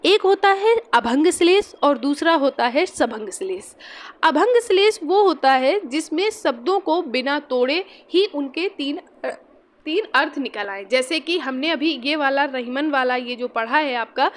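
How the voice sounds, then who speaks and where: A woman's voice: sits high, animated, measured pace. A young woman teaching a Hindi exam-prep lesson, patiently repeating key points and examples.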